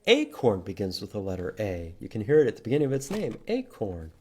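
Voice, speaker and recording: Over background noise, a fairly low-voiced man hosts children's storytime at a library, moving quickly with wildly swooping pitch. He reads aloud and teaches letters in short, simple, sing-song phrases.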